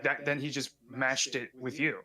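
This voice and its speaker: A man's voice: medium pitch, little pitch movement, moderate pace, crowd noise. A man on a livestream patiently steering an argument back on track, with a lot of "like"s. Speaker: guest mediating a dispute. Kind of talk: livestream discussion.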